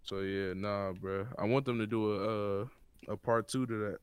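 A young man in casual, slangy chat, swearing and repeating words in excited bursts. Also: lowish voice, moderate pace, smooth, no room sound. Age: young adult.

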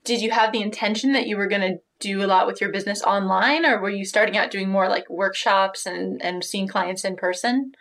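A woman with a mid-range voice asks questions as a podcast host. Her style is casual and conversational, and the audio is that of a low-quality online stream. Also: fairly even intonation, fairly quick, few pauses, a bit bright. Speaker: podcast interviewer. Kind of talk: casual interview.

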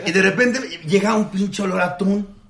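A flamboyant man with a Mexican Spanish accent tells stories with campy flair and crude jokes. His voice sits a little high, with crowd noise clearly heard behind. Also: normal speed. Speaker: guest. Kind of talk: casual chat.

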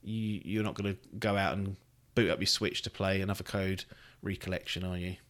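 A man's voice: low-pitched, fairly even intonation, brisk, a bit bright. A man hosting a podcast in casual chat, rambling and chatty and swearing freely. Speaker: podcast host.

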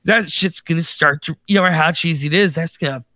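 Podcast co-host, male, a bit high, bright edgy tone, dry close mic, talks in loose animated bursts. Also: brisk, no room sound. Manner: animated, rambling with restarts. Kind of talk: casual chat.

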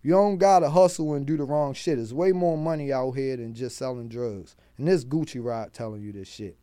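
A man with a Baltimore accent, a podcast guest telling street-smart stories in a casual, profane, animated way. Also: medium pitch, brisk, clear, resonant tone, dry recording. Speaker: guest, rapper and food truck owner.

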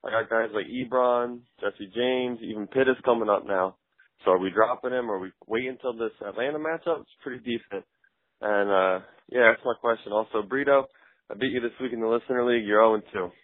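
A man's voice: mid-range voice, a little fast, no echo. A man from Philadelphia leaving a casual, joking voicemail for a podcast as a caller, swearing freely, heard played back over a phone line.

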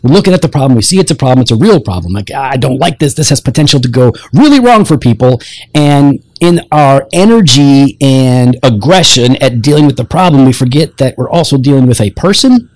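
A man's voice: mid-range voice, lively intonation, fairly quick, a little mellow, dry recording. A man co-hosting a casual faith podcast, talking in a rambling, teasing way with many restarts. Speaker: podcast co-host.

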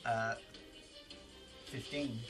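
A man's voice: medium pitch, steady tone, extremely slow. A man with a British accent, a player in a tabletop game, speaking hesitantly with many fillers. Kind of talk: tabletop game play, casual. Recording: distant from mic, music behind.

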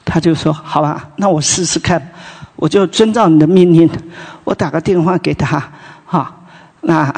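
Brief: preacher at a morning prayer meeting, storytelling sermon, breathy and husky, in a long-reverb room. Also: medium pitch. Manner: chatty retelling, frequent tag particles and restarts.

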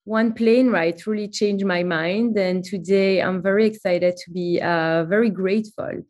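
A Belgian woman in her thirties, a company CEO, appears as a guest in a remote interview. She tells stories in a chatty, animated way with many fillers, speaking a little slowly in a mid-range voice.

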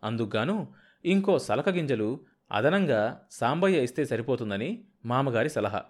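A male narrator reading a novel aloud for an audiobook. His delivery is steady and measured. His pitch sits in an ordinary middle range.

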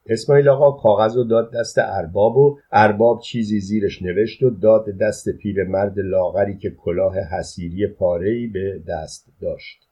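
A male storyteller reads in the first person at a calm, even pace, in colloquial speech. His voice is low and husky. The recording sounds dull and lo-fi. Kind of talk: first-person audiobook reading.

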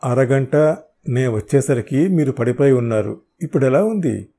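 A man reading the lines of a calm, practical young woman in a novel audiobook, in his own mellow voice. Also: mid-range voice, moderate pace, breathy edge.

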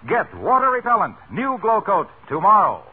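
A man's voice: sits high, sing-song, normal speed, phone-quality sound. A man announcing in the style of a 1940s radio serial, with a polished, emphatic, scripted sales delivery. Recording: band-limited, noisy vintage radio broadcast.

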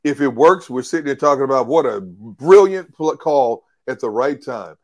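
Male co-host, mid pitch, measured, coach-like reasoning. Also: animated. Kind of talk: casual sports talk.

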